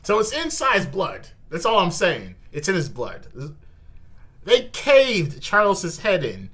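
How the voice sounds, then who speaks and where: An animated host reacts to a manga live, speaking in a casual, slangy way packed with repeated words and exclamations. The pitch ranges very widely and the tone is bright and punchy, though the voice is husky and the pace slow.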